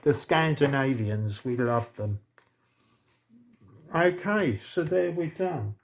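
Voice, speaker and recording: A man's voice: mid-range voice, lively intonation, takes it slowly, slight background noise. A man hosting a casual crafting tutorial, chatty and thinking aloud as he works. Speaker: crafting channel host.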